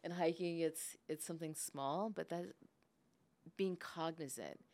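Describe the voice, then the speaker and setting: At a measured pace, a woman speaks in a low, steady, somewhat mellow voice. She is a business leader on a podcast who grew up speaking English and Spanish, and her casual, reflective comments frequently carry "like" and "right?" tags.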